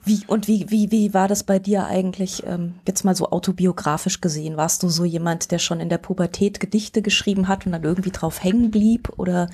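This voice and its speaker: A woman's voice: fairly low pitch, steady tone, brisk, hardly any pauses, dark tone, husky. A woman hosting an interview, asking questions in a hesitant, friendly way with many fillers. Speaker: interviewer, host. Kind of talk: conversational interview.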